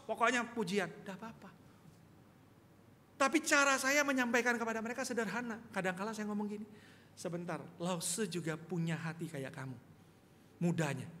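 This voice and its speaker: A man's voice: high voice, bright, forceful tone, slight background noise. A male pastor preaching a sermon in a conversational style, firing rhetorical questions at the congregation. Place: church sanctuary. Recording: reverberant church hall, faint ambience.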